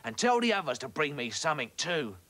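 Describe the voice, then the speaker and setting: A man's voice: a little high, big pitch swings, fairly quick, sharp tone, voice pushed up, heavily acted. A man voicing a lazy, bullying male octopus in a children's story, bossy and greedy.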